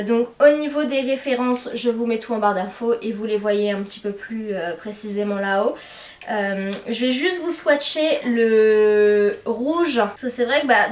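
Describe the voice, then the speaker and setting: A young woman with a slightly high voice chats about beauty buys, filling her sentences with hesitant fillers. She is recorded from a little way off the mic, and the room adds a clear echo. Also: distant mic. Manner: chatty, many hesitant fillers. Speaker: beauty vlogger. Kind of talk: casual haul chat to camera.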